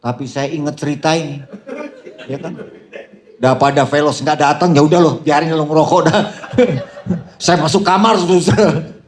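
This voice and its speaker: A man's voice: on the high side, normal speed. A male pastor preaching, telling stories with humor, often laughing and calling out to the congregation, with a flavor. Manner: storytelling with humor, laughing, addressing "saudara"; animated, voice rising when excited. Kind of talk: sermon.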